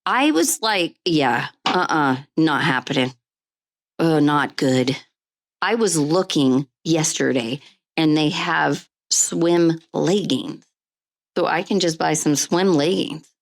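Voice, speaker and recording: A woman's voice: low voice, lively intonation, slow pace. A woman from California, a local business owner, chatting as a podcast guest, laughing often and drifting onto tangents. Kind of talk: casual chat.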